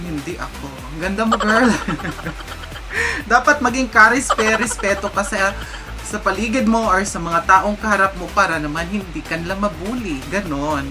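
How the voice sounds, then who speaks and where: A vlogger with a Visayan accent chats casually in a Q&A video, giggly and slipping English phrases into his talk. His voice sits high with lively intonation at normal speed, over background music.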